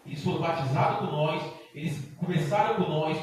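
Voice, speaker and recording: A middle-aged Brazilian deacon preaching an impassioned Pentecostal sermon, pleading and breaking into loud bursts. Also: male voice, on the high side, brisk. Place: church sanctuary. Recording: very echoey church hall, distant mic.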